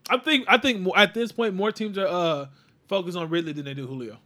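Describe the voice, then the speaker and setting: A man arguing football casually, slangy, pausing on "uh" fillers while searching for names. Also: sits high, sharp tone. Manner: argumentative, hesitant fillers, slangy.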